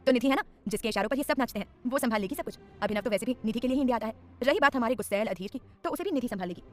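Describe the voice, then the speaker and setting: A woman's voice: fairly high pitch, expressive, racing, natural voice. Woman playing a scolding mother around forty-five. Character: scolding, proud mother of about 45.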